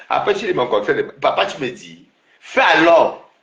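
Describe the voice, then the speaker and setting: A man's voice: medium pitch, sing-song, a little fast, creaky, fairly bright tone, reverberant, muffled recording. A man taunting a rival on his livestream, repeating himself and laughing mockingly.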